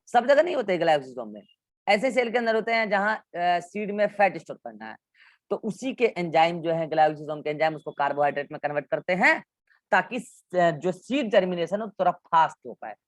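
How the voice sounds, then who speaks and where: A man's voice: a little high, expressive, normal speed, no echo. Male biology teacher, dry close sound. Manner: talks students through textbook diagrams, mixing English terms into Hindi; repeats instructions over and over. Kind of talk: online class lecture.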